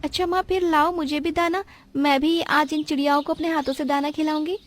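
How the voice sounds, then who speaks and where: A woman's voice: high voice, steady tone, brisk, close to an everyday voice. A woman voicing the curious young daughter of a poor vegetable seller, in a childlike, chatty way.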